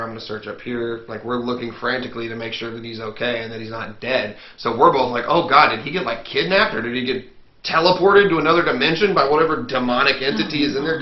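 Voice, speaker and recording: A man, a rap artist guest, telling a story in casual chat, laughing often and acting out what others said. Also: mid-range voice. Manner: animated, laughing often, acts out quotes. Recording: roomy, slightly dull sound.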